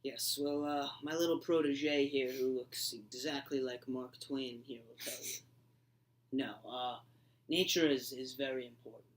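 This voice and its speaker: A young man playing an earnest old male philosopher in an amateur school skit, talking haltingly with many ums while reciting his lines. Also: medium pitch, fairly even intonation, natural voice, low-quality recording.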